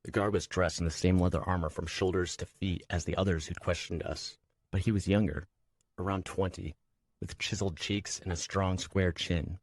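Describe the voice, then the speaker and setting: Brief: deep male voice reading a fantasy novel in first person, steady and measured, dry close-mic sound. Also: no echo. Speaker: audiobook narrator. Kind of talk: scripted first-person narration.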